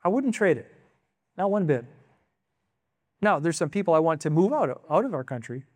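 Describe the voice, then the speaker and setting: A preacher delivering a sermon in an emphatic way, tossing in short exclaiming asides between points. The voice sits at a middling pitch. The sound is dry and close, with no room echo. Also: big pitch swings, normal speed. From United States. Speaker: pastor.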